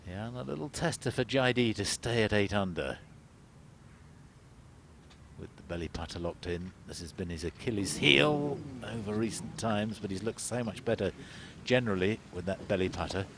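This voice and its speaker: A man with a very deep voice offers conversational analysis as a golf co-commentator. His live commentary comes with clear background noise and outdoor ambience. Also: moderate pace.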